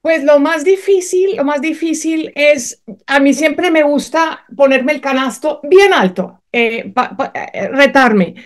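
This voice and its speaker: Her first language is German, and she speaks slowly in a high-pitched voice with hardly any pauses. Being interviewed as an author in a conversational setting, she sounds hesitant, with many fillers and restarts.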